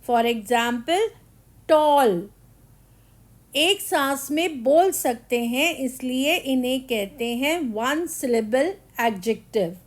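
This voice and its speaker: Woman teacher going through grammar examples, high voice, super slow and careful. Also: lively intonation. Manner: slow, deliberate explanations, with the English examples spoken very slowly. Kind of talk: grammar lesson.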